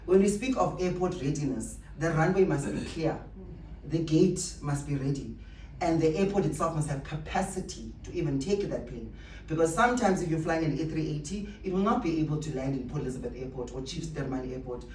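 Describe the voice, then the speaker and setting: This motivational speech to staff comes in a slightly fast, slightly mellow mid-range voice that is emphatic, rhetorical, and repetitive in phrasing. It was recorded from a distance in an echoey space with faint noise.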